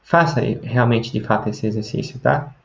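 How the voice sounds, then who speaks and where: Male teacher, explanatory, keeps checking in; gravelly voice, lo-fi sound. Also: mid-range voice, moderate pace. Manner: explanatory, with frequent tag questions. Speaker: language teacher. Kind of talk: video lesson.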